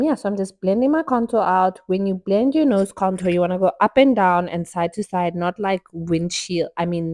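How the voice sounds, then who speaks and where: A woman's voice: on the low side, warm tone, no echo. A young woman chatting casually through a makeup tutorial at home, friendly and full of fillers. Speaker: beauty vlogger. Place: home, indoors.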